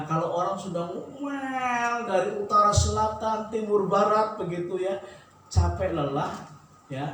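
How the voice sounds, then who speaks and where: A man preaching a sermon in a chatty, joking way, laughing often and acting out nagging spouses in a squeaky voice. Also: fairly bright tone, recorded from a distance, slight background noise. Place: church sanctuary. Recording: echoey church hall, mic from afar.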